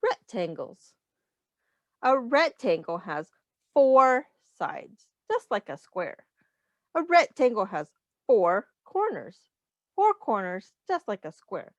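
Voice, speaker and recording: Slowly and with big pitch swings, a woman with a slightly high voice reads a picture book aloud as a teacher. She asks young children questions and explains things in simple, instructive phrasing aimed at them. No echo is heard.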